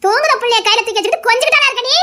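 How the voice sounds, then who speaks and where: A woman's voice: very high voice, rapid-fire, bright, forceful tone. A woman playing an exasperated wife and mother who scolds her husband in a family comedy skit. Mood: scolding.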